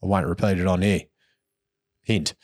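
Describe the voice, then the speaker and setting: A man's voice: deep voice, fairly even intonation, moderate pace. A man with an Australian accent hosting a podcast, chatting casually through news in a blokey, slangy way. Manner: laid-back, blokey, slangy. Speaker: podcast host. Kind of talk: casual chat and news recap.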